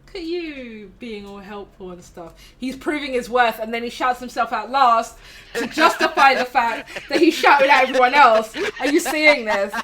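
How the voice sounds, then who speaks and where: A woman's voice: a little high, moderate pace, few pauses, sharp tone. A woman hosting a casual stream, chatty, teasing and affectionate, laughing often. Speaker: streamer host.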